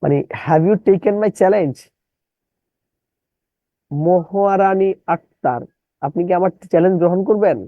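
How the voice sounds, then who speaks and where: A man's voice: sits high, a little fast, no room sound, phone-quality sound. A middle-aged man from Bangladesh teaching a live online English lesson. He repeats his own questions and breaks words into syllables.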